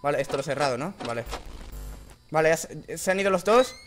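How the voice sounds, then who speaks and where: A man with a Spanish accent from Spain, a high and reedy voice, commentating a horror game while swearing constantly and breaking into frightened screams. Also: lively intonation, fairly quick, faint music behind. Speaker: gameplay commentator.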